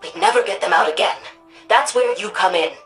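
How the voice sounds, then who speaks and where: An older woman played by an actress runs a futuristic city as its administrator in a sci-fi video game. Her voice sits fairly low, and she speaks with crisp authority and dry wit, like an official giving mission orders. Music plays behind her words. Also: fairly quick, a bit bright, lightly acted. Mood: urgent, businesslike. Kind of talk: scripted mission briefing dialogue.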